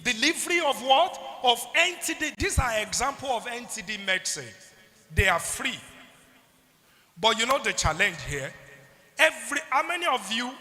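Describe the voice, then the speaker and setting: A man's voice: high voice, sharp tone. A Nigerian man speaking at a conference, asking the audience rhetorical questions and waiting for them to call back the answer. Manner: rhetorical, keeps asking "what?" for the crowd to answer. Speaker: public health speaker at a youth conference. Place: large conference hall. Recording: hall reverb.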